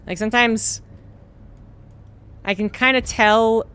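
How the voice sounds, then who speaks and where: Slow and smooth, this high-sitting male voice belongs to a streamer rambling through relaxed, casual gameplay chat packed with filler words.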